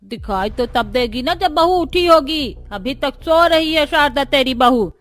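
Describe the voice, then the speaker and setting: A woman voicing a proud, sharp-tongued old grandmother in an animated family story, speaking in a folksy, exclaiming way. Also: sits high, measured pace. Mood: scolding.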